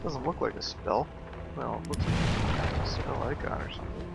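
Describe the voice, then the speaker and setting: Creaky-voiced man doing casual game commentary. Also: mid-range voice, normal speed. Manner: thinking aloud, hesitant. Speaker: video game player, host. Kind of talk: casual let's play commentary. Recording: muffled, game music behind. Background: game music.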